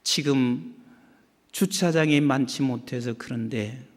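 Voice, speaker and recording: A middle-aged man preaching a sermon as senior pastor, swinging from hushed near-whispers to loud exclamations and putting questions to his congregation. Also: mid-range voice, slow. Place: large church sanctuary. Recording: long church-hall reverb.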